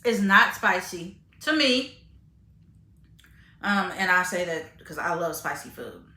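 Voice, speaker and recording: A woman on the low side of pitch speaks slowly yet animatedly in a casual grocery-finds vlog, eating as she talks. Fillers and restarts pepper her chat, recorded in a reverberant space with a noisy background.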